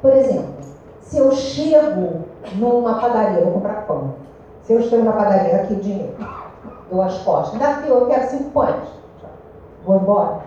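A woman's voice: medium pitch, moderate pace, a little hiss or hum. Brazilian woman preaching in an echoey room. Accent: Brazilian Portuguese. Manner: lively, questions the audience. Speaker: speaker at a spiritist study meeting. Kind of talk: spiritual talk to a group. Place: meeting room with a group. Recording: echoey room, distant dull mic.

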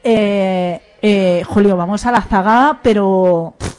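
A woman's voice: mid-range voice, slow, darkish tone. A woman with an Aragonese accent, talking on a radio panel in a rambling, emphatic way. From Aragón. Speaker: radio show guest. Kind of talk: casual roundtable chat.

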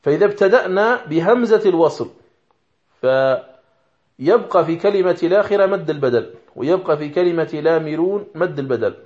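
A man's voice: a little high, lively intonation, normal speed, a little mellow. A man teaching a lesson on Quran recitation rules, explaining carefully and sounding out example words aloud. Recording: dull lo-fi recording.

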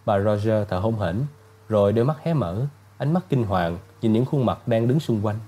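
Low, mellow male audiobook narrator. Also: lively intonation, normal speed.

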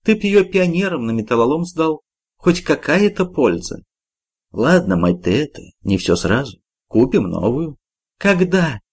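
A man's voice: a little high, big pitch swings, a little slow, slightly rough, pitched above the performer's own voice, full character voice. A man voicing a snappish, scornful priest's wife in an audiobook.

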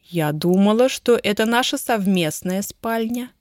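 A woman voicing a playful young wife in a raised, lively, teasing tone. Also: medium pitch, measured pace, dry recording, studio quality, lightly acted.

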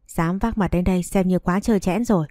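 A woman reading the lines of a sharp-tongued pregnant young wife, cold and cutting. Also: on the low side, a little fast, dry recording, clean studio sound, natural voice. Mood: cold, scornful.

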